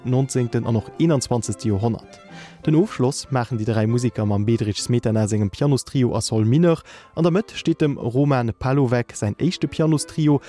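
A man reading a scripted music review for radio in a measured way. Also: mid-range voice, mellow. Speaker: music critic.

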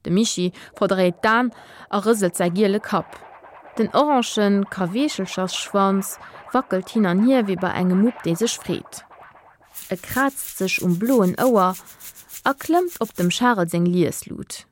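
A woman reading a children's story aloud with lively, expressive narration. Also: mid-range voice, measured pace, a little hiss or hum.

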